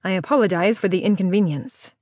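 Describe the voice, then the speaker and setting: A woman's voice: mid-range voice, fairly quick, a little mellow, dry recording, clean studio sound, close to an everyday voice. A woman voicing a polite, apologetic male hotel operator who sounds tinny over an emergency phone line.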